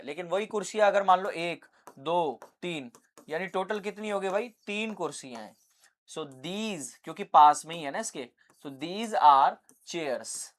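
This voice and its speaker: A young man teaching English basics with a Hindi accent, asking questions and answering them himself. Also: high voice. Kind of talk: classroom lesson.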